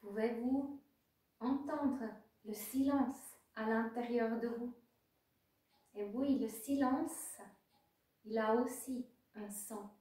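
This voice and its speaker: Her high voice is mellow, with fairly even intonation, as this yoga nidra teacher guides a meditation at a very slow pace. Short instructions alternate with pauses. A far-off microphone records her in a very echoey room.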